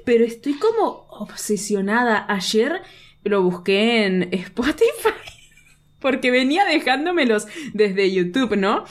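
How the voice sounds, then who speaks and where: A young woman with a Rioplatense Spanish accent co-hosts a casual podcast chat. Her pitch swings widely and she talks in an animated way, laughing often. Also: takes it slowly. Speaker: podcast co-host.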